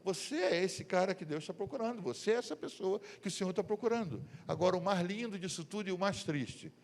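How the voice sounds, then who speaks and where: A middle-aged pastor with a Brazilian Portuguese accent preaches from the pulpit, his voice sitting high for a man. He tells his stories vividly and plays out each person's lines in turn. A long reverb from the church hall trails behind every phrase. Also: lively intonation, a little fast. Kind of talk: sermon.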